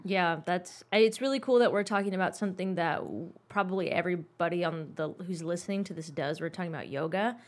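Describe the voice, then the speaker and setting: A woman hosts a podcast in a casual chat. Her voice sits a little low, and she asks friendly questions that wander as she goes. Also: fast, few pauses. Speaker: podcast host.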